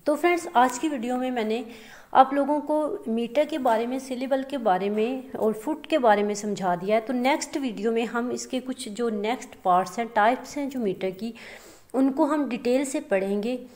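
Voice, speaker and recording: Female tutor, slightly high voice, patient lesson delivery with frequent check-ins. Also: moderate pace, darkish tone. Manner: addresses listeners as friends, many fillers and "theek hai" checks. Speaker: teacher. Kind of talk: explaining a lesson.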